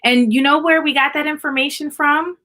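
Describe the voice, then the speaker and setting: A woman's voice: high-pitched, fairly even intonation, a little fast, bright, forceful tone. A woman speaking as an art therapist guest in a casual live-stream chat, explaining earnestly and repeating key points for emphasis.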